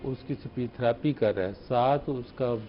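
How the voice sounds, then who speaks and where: A man with a Pakistani Urdu accent explains speech practice for children in a measured, earnest tone. His pitch is middle for a man. The sound is muffled and lo-fi, with faint hiss. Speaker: speech therapist guest. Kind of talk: explaining on a TV talk show.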